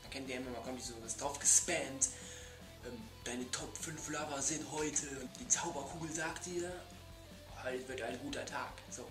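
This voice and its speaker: Here a young adult male video blogger vents in a comedic, exasperated rant indoors in his bedroom, hammering points through repetition. His mid-range voice holds a steady tone at a moderate pace, with echo and background music in the recording.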